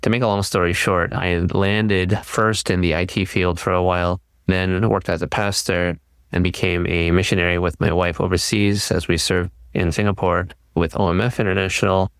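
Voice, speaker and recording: Deep, smooth-voiced man. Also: flat delivery, moderate pace, a bit bright, no echo. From California, United States. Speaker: guest scholar. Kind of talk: casual interview.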